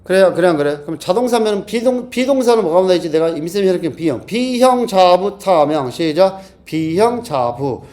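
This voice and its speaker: A man teaching an exam-prep English class, drilling the students and repeating key phrases with quick rhetorical questions. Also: sits high, animated, a little mellow. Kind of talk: lecture.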